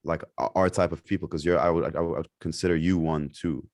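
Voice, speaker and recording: Very deep-voiced young man from Lebanon. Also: fairly even intonation, a little fast, a little mellow, no echo, clean studio sound. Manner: rambling, many fillers and restarts. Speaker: podcast guest, singer. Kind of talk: casual interview chat.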